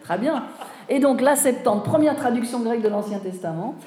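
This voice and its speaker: A woman lectures to a class in a mellow, warm voice, chatty and engaging, forever checking that her listeners follow and putting questions to them. The sound is roomy, with a clear echo off the walls. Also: a little high, lively intonation, moderate pace. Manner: conversational, often asks listeners questions and checks with "vous voyez", "hein". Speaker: Bible teacher. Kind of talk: live lecture with audience questions.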